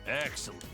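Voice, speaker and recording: An actor playing a chuckling male shopkeeper in a video game, hearty and pleased with his customers.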